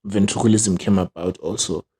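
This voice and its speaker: A man from Zimbabwe with a Southern African accent, a ventriloquist guest telling casual, animated stories full of slang and acted-out quotes. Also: low-pitched, normal speed, breathy edge. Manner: casual, slang-laden, acts out quoted speech.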